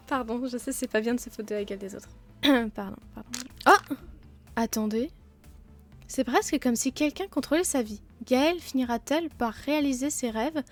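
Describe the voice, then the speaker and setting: A woman's voice: a little high, normal speed, faint music behind. Chatty sick Frenchwoman playing a game. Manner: chatty, self-mocking, many fillers. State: sick, blocked nose and sore throat. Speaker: let's play host. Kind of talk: casual game commentary.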